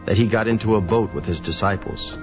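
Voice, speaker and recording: Low-voiced male scripture narrator. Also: a little fast. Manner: steady, even storytelling. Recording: dull lo-fi audio with music behind.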